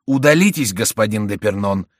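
A man's voice: medium pitch, very animated, unhurried, a bit bright, no room sound, clean studio sound, voice pushed up. A man voicing a proud young royal favorite who commands and rebukes the other duelists. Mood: commanding. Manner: commanding and indignant.

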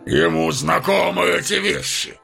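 A man voicing a huge, mocking male envoy of a dark lord in an audiobook, taunting with a raised voice. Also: fairly high pitch, measured pace, vocal fry, soft background music, pitched above the performer's own voice, heavily acted. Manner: mocking, taunting, bursts of laughter. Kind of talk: audiobook character voice.

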